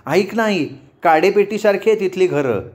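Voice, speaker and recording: A man voicing an excitable, loud young woman student living abroad, talking quickly and impatiently. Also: sits high, pitched above the performer's own voice. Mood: excited, impatient.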